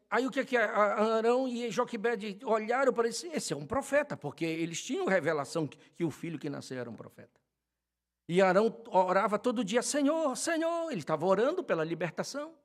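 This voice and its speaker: An older Brazilian man preaching a sermon as a pastor, fervent, swinging from loud shouted calls to quiet storytelling. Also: high voice, animated, fairly quick. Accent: Brazilian Portuguese. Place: church.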